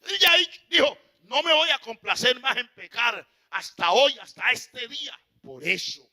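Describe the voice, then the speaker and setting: Male preacher, high bright voice, impassioned, loud-to-hushed sermon delivery. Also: very animated, a little slow.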